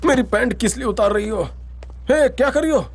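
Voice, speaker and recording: A stammering, pleading captured crook. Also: male voice, very high-pitched, brisk, husky. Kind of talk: Hindi film dub.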